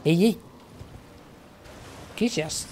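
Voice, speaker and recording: Young Spanish woman streaming a game: mellow voice, chatty, swears, complains dramatically, slight background hiss. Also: fairly low pitch, slow. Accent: Spain Spanish. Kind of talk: live game stream commentary.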